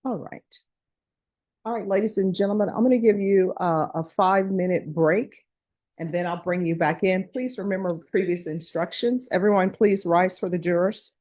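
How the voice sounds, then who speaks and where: A woman presiding as judge in a courtroom recording, giving brisk procedural instructions to the court. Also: on the low side, darkish tone.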